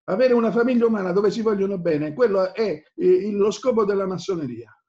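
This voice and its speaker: A man's voice: sits high, a little fast, darkish tone. A man preaching an impassioned sermon, repeating phrases and growing angry as he presses his points. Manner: fervent, repetitive, rises in anger. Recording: dull lo-fi recording.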